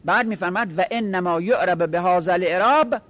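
A man teaching a grammar lesson, reciting word forms slowly over and over, then explaining them in quick asides. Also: high-pitched, a bit bright, lo-fi sound. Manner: drawn-out chanting repetitions of word forms.

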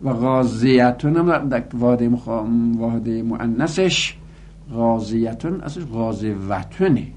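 A man's voice: mid-range voice, a little mellow, a little hiss or hum. A man teaching a lesson, explaining grammar step by step and reciting word forms in rhythmic, chanted lists. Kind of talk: recorded lesson on Arabic grammar.

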